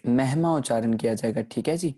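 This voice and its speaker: Mellow-voiced man teaching pronunciation patiently. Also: mid-range voice. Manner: patient explaining, checks in often with "theek hai"; slows down to sound out example words. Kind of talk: recorded online grammar lesson.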